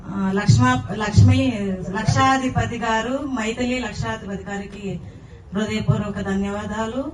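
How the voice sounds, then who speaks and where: A woman giving a polite, formal welcome address that greets and thanks the guests. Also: on the high side. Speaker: event speaker greeting guests. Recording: noisy echoey hall from far off.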